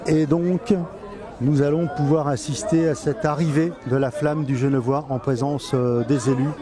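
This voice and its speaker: Amid the crowd and street noise of an outdoor town event, a man provides live coverage as reporter and club president. His medium-pitched voice stays fairly even in intonation, and his commentary halts, with frequent pauses and repetition.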